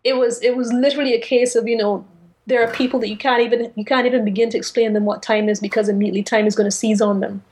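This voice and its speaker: A woman's voice: on the high side, fairly even intonation, darkish tone, rough recording. A woman co-hosting a literary discussion, articulate and careful in choosing her words. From Caribbean. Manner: articulate, deliberate, careful with word choice. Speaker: podcast co-host. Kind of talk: literary discussion, casual chat.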